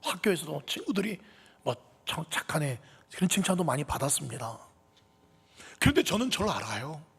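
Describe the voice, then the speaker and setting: A man's voice: a little high, big pitch swings, fairly quick, vocal fry, a bit bright, slightly rough. A pastor in his fifties giving a sermon with a personal testimony, telling it with emotion that swells to impassioned peaks, recorded in a church sanctuary. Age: 50s. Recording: reverberant church hall.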